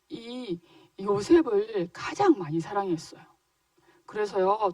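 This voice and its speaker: A woman teaching in a children's church service, telling a Bible story in an animated way and asking the children questions. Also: medium pitch, no room sound, far from the mic, dull audio. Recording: dry voice a little off-mic.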